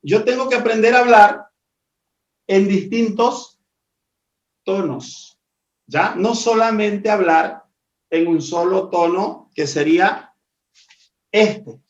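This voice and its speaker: Male trainer, high voice, didactic webinar delivery, distant dull audio. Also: slow, pauses often, roomy sound. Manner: didactic, asks rhetorical questions. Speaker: presentation skills trainer. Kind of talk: live webinar lesson. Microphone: video call.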